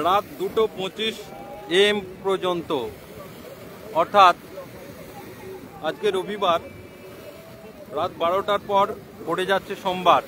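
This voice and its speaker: A man giving live news commentary, repeating details and pausing as he explains, outdoors with wind on the mic. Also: high-pitched. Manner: repetitive explanatory delivery with hesitant pauses. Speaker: live reporter. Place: outdoors on a sea beach. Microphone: mobile phone. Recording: noisy outdoor live stream, roaring sea wind. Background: roaring waves and wind.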